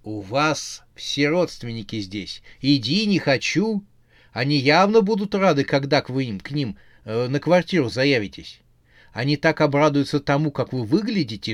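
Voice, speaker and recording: A man's voice: mid-range voice, expressive, moderate pace, dry recording, natural voice. Brief: irritable young witch, man reading, scolding, exasperated retorts, dry close sound.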